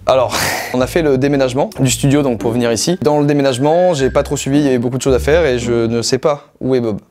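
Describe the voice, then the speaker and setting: A man giving an excited, joking casual tour of his new studio. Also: mid-range voice, fast. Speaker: YouTuber showing his studio.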